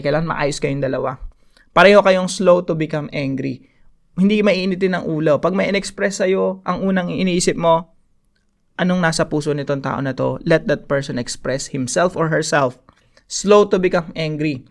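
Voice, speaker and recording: A man's voice: a little high, creaky, a bit bright. Emphatic Filipino-accented preacher man. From Philippines. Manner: emphatic, mixes English and Filipino, repeats key phrases. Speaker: pastor. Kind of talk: devotional Bible teaching.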